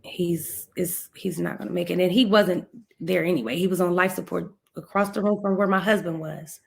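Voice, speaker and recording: A middle-aged woman from Ohio, a podcast guest, telling an emotional personal story and acting out the quoted dialogue in lively voices. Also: fairly low pitch, normal speed, vocal fry. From Ohio, USA. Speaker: podcast guest, speaker and author.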